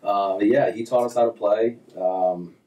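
Guy in his 30s, deep flat voice, lots of ums and you knows, sounds kinda far from the mic. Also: measured pace. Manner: relaxed, rambling, many fillers and restarts. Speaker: golf instructor, guest. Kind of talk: casual interview chat. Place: small office with framed diplomas.

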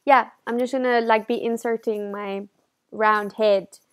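A woman's voice: a little high, steady tone, unhurried, clean tone. A woman in her twenties talking casually to camera in a vlog, chatty and self-deprecating, recorded on a phone with an earphone mic in a living room. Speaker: vlogger. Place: indoor living room at night.

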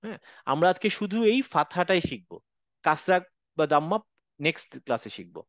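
A man's voice: on the high side, sing-song, fairly quick, no room sound. A man teaching a Quran reading class online, explaining patiently step by step and mixing in English phrases. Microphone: video call. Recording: dull lo-fi online class audio.

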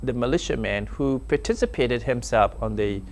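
An earnest young man from South Sudan, a native Dinka speaker, shares his personal story as a guest in a TV interview on a studio set. His medium-pitched voice is animated yet halting, with many fillers, picked up by a lapel mic.

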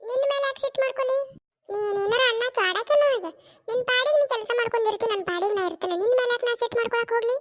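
A grumpy, stubborn old mother-in-law in a cartoon comedy skit, voiced by one performer who plays both parts. She scolds and refuses in a North Karnataka Kannada accent. Her voice is shrill and very high, and her retorts come quick and clipped. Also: a bit bright. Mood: irritated.

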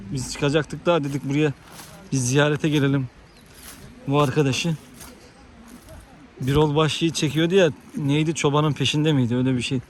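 A man vlogging outdoors on a rural farm, excitable and talking soothingly to dogs. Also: mid-range voice, slight background noise. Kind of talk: casual outdoor vlog with dogs.

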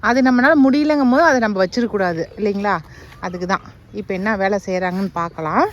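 A woman's voice: mid-range voice, quick pace, highs cut off. A young woman in casual, chatty vlog narration outdoors on a farm, talking straight to her viewers. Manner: chatty, addresses viewers directly. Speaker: village vlogger.

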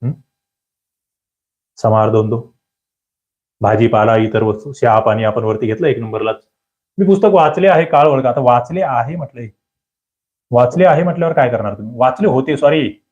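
A man's voice: mid-range voice, moderate pace, long pauses, dull audio. Man teaching an exam-prep lecture. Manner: lively teacher drilling questions, asking the students questions.

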